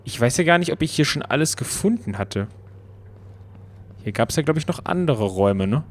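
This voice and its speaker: A man casually commenting on his own gameplay, playful and excitable, talking back to the game. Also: mid-range voice, normal speed. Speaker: Let's Play commentator.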